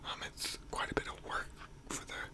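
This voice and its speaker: An American teenager whispering a casual, rambling ASMR monologue, quiet as if late at night. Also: normal speed. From North Carolina, United States. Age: teenager, around 16 to 18. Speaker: ASMR video creator.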